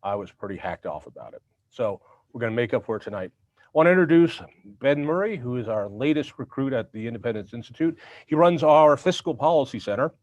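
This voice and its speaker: A man's voice: mid-range voice, lively intonation, fairly quick, a little mellow, dry recording. Slurred male host, dull lo-fi sound. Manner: slurred speech, as with a half-numb mouth. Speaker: host, institute president. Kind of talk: casual humorous show introduction. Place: online video call show.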